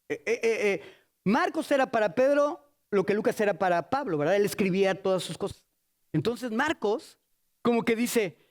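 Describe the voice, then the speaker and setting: A Mexican man preaching with a high, lively voice that swoops all over the place. He keeps things casual and jokey, loaded with slang, and shifts his tone often. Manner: animated, colloquial, joking. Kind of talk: sermon.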